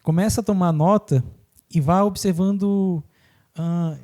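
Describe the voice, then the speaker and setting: A man hosts a casual podcast in a fairly high voice. His tone is mellow and warm. He explains things in an animated way and slips into quick voices when he quotes people. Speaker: podcast host.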